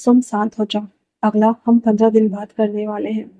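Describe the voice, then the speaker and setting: A woman's voice: medium pitch, little pitch movement, normal speed, no room sound, natural voice, low-quality recording. A woman doing a cold, curt male doctor. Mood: stern, soothing. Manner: quiet, curt and rude.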